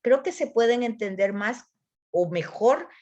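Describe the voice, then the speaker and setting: Lady teaching bible lit over a video call, slightly high voice, goes over things twice. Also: animated, measured pace, a little mellow, lo-fi sound. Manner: explains patiently, repeats words, frequent "¿verdad?". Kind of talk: online lecture to a class.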